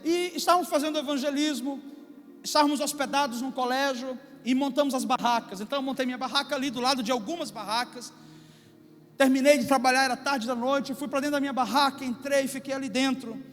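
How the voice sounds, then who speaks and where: High-voiced Brazilian pastor preaching. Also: male voice, quick pace. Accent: Brazilian Portuguese. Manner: animated storytelling, acting out scenes. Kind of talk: sermon. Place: church sanctuary. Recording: reverberant church hall with faint music.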